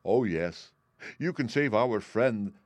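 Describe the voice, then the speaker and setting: Man reading as an eager scarecrow, reassuring, lively pitch, dry sound. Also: slow, no echo.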